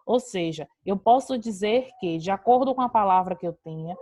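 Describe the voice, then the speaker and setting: A woman's voice: medium pitch, mellow, dry recording. Woman teacher on a video call, patient step-by-step explainer, dry close sound. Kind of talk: online class lecture.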